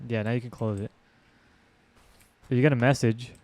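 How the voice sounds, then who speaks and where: A man's voice: medium pitch, fairly even intonation, normal speed, a little mellow. A man co-hosting a gaming show, chatting casually with friends and reading game text aloud. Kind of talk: casual let's-play banter.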